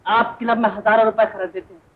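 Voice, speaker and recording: An actor playing a spoiled, hot-tempered young drunkard who shouts demands and turns sarcastic, in 1950s film style. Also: male voice, high-pitched, flat delivery, fast talker. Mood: bitter. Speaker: drunken younger brother-in-law. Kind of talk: 1950s Hindi film acting. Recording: tinny old film soundtrack, faint hiss.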